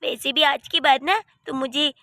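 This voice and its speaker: A woman's voice: sits high, moderate pace, bright, forceful tone, dry recording, clean studio sound. A woman voicing a vain, bossy old grandmother in a cartoon, haughty and teasing. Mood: coaxing.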